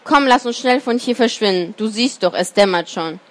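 A woman's voice: on the high side, lively intonation, normal speed, lightly acted. A woman doing a grumbling big bear.

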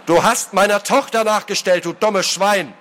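A man's voice: fairly high pitch, a little slow. A man voicing a bitter, furious middle-aged lord, a crippled war veteran who growls and barks his words. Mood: raging. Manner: growling, barking, shouting in rage.

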